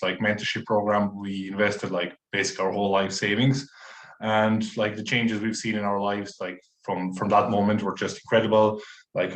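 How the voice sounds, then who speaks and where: Croatian man talking in an echoey room. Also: on the low side. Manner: relaxed, with many fillers and restarts. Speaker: podcast guest. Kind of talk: casual interview conversation. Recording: roomy echo.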